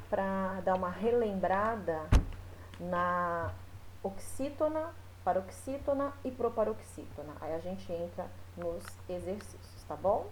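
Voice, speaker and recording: A woman teacher walks her class through a recorded lesson in a loose, chatty style, explaining slowly and dropping in many small fillers. Her voice is on the low side, and the background is noisy.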